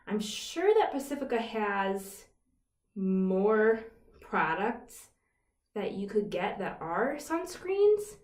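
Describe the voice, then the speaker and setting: A chatty woman vlogger talks loosely to camera, rambling through fillers and side remarks. Her voice sits at a middle pitch and sounds a little distant from the mic, with a roomy echo around it. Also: darkish tone. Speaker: skincare vlogger. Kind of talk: casual chat to camera.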